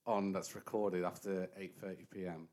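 A man's voice: deep voice, flat delivery, moderate pace, darkish tone. An English man co-hosting a casual film podcast, chatty and teasing, often laughing. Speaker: podcast co-host. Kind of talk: casual chat.

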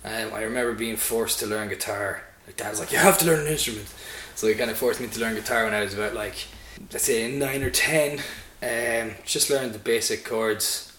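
A man's voice: on the low side, fairly even intonation, normal speed, few pauses, fairly bright tone. A man with a west of Ireland accent, chatting casually in an interview in a jokey, sweary, anecdotal way. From Sligo, west of Ireland. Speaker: band member being interviewed. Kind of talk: casual chat. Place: indoors on pub or venue premises. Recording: roomy echo, faint noise and clicks.

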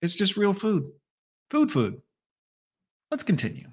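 A man with a fairly high voice delivers blunt, crude commentary. He mocks and scolds without holding back. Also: wildly swooping pitch, a little slow, slightly rough. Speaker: commentator reacting to a radio clip. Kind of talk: profane reaction commentary.

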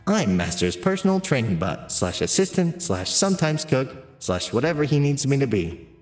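A man's voice: medium pitch, big pitch swings, normal speed, faint music behind, pitched above the performer's own voice, close to an everyday voice. A man voicing a cheerful little robot. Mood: cheerful, innocent. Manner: chatty, guileless, catches himself mid-sentence. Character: small cheerful naive male training robot. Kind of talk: storybook narration with voiced characters.

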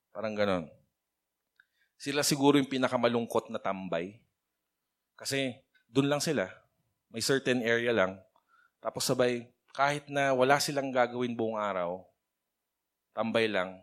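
A man giving a casual, conversational sermon, mixing English phrases into his talk and calling on listeners by name. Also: medium pitch. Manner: chatty, mixes English phrases into his speech. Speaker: preacher.

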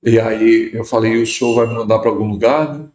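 A middle-aged man, a bishop and podcast guest, telling a personal story in an animated way and acting out the dialogue he quotes. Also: lowish voice, fast. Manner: lively storyteller who acts out quoted dialogue.

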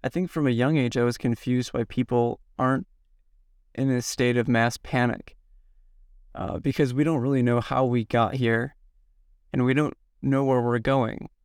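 A Midwestern man in his thirties, a podcast guest, interviews himself, answering his own questions slowly, haltingly and reflectively. His mid-range voice is slightly hoarse from a cold, with a steady tone, and the studio-quality recording has no echo.

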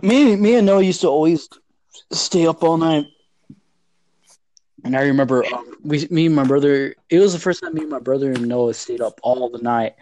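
A man's voice: a little high, moderate pace, warm tone, no room sound. A teenage boy telling funny stories in a rambling, laughing way, full of swearing and filler words. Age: teens. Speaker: podcast host telling stories. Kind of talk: casual storytelling.

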